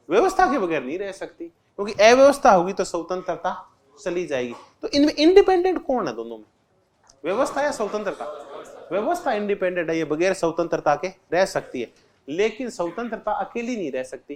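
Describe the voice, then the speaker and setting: A high-pitched political science teacher runs an exam-prep lecture, repeatedly asking the class questions and then answering them. He goes over key terms again and again with simple examples.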